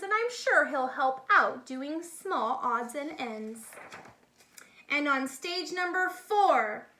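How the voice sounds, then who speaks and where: Playing the same eager boy ringmaster, the woman goes high-pitched and heavily acted, sounding proud and showy. She delivers his grand showman's barking in bright, unhurried singsong rhymes, and the room around her is echoey.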